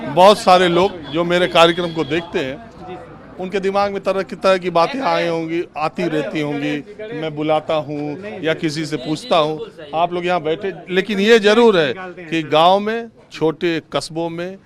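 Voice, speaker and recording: A man's voice: a little high, normal speed, a crowd in the background. A male TV news reporter doing street interviews at a roadside, in a conversational, prodding manner. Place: roadside outdoors.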